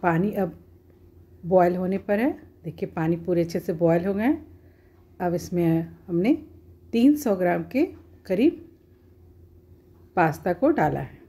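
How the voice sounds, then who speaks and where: A woman's voice: on the low side, animated, unhurried, pauses often, mellow, slightly rough. A woman at home, talking viewers through a cooking recipe step by step in a plain, homely, instructive way. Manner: homely, instructive, often says "dekhiye".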